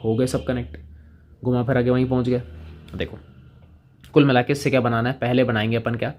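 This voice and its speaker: A man's voice: medium pitch, level tone, fairly quick, muffled recording, slight background noise. A man teaching chemistry in a casual lecture, chatting with students and playing both sides of the conversation.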